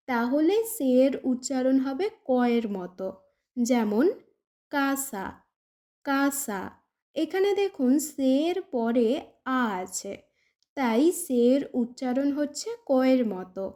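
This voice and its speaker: A woman's voice: sits high, mellow. A woman teaching a pronunciation lesson in Bengali, patiently saying each example word twice. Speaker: language teacher. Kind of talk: slow scripted pronunciation lesson.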